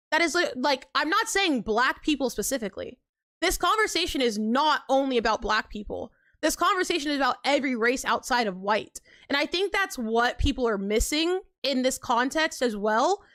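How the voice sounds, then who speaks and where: A woman's voice: high voice, fairly bright tone, no echo, clean studio sound. A young American woman with a slight Texan accent, ranting indignantly and animatedly to her livestream chat. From United States.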